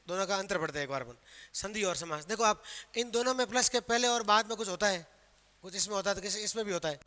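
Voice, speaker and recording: High, bright-voiced male Hindi teacher. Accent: Rajasthani Hindi. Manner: quizzing students with questions he answers himself. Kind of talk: classroom lecture on Hindi grammar. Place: classroom. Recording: long reverb of a hall.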